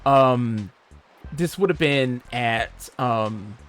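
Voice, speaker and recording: A man from Michigan, livestreaming, who tells animated, swear-laced stories and reads chat aloud. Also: medium pitch, very slow, soft background music. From Michigan, USA. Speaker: streamer. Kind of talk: casual storytelling while livestreaming a game.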